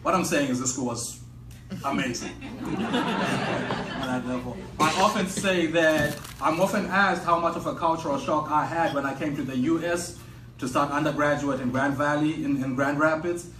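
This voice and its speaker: A young man from Zimbabwe with a Zimbabwean accent, telling a personal story on stage at a live event in a measured, reflective way with frequent pauses. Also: on the high side. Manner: measured, reflective, pausing often. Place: event venue with an audience. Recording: echoey room, distant mic, faint noise.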